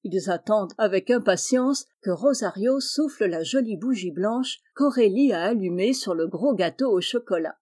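A woman reading a children's story aloud, gentle and lilting, lifting her voice for the animal characters. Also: medium pitch, animated, normal speed, few pauses. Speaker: audiobook reader.

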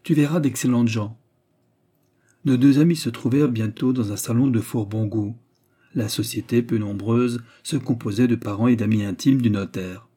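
A man narrating a classic story in a steady, measured reading. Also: medium pitch. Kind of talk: audiobook narration.

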